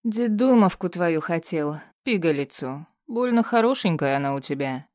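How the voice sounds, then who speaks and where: A crude, sneering male thug, tied up and bloodied, jeers in a strained voice pushed well above the reader's own. A man acts him out, loud and mocking, recorded close and dry in an audiobook. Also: a little high, animated, normal speed, dry recording, natural voice. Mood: taunting.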